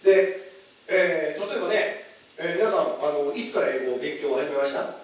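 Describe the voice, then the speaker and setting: A man teaching a lively lecture, asking his audience questions, with many fillers. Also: on the high side, moderate pace. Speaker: English teacher giving a lecture. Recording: echoey room, far from the mic, faint noise.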